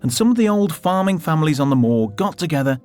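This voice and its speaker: A man's voice: fairly high pitch, very animated, quick pace, darkish tone, faint music behind. A man giving scripted narration for a nature documentary.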